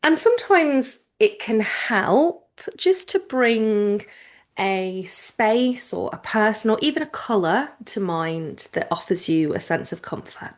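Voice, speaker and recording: This yoga nidra guide speaks with a medium pitch and is very animated, yet her informal relaxation instructions remain gentle and reassuring. She paces them unhurriedly, pausing often.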